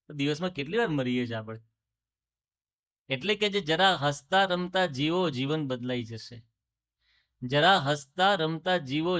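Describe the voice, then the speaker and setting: A man with a Gujarati accent delivers a spiritual discourse, and his voice sits somewhat high for a man. He tells a story, puts rhetorical questions to the listeners, and slips English phrases into his talk. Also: a bit bright. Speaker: religious speaker.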